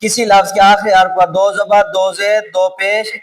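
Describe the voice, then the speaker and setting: A man with a Pakistani Urdu accent teaching a class on reading the Quran. He slowly repeats words over and over, quizzes his students, and sometimes calls out loudly. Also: high voice, level tone, over loud music. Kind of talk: classroom lesson on Quranic recitation rules. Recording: distant mic with clear background noise.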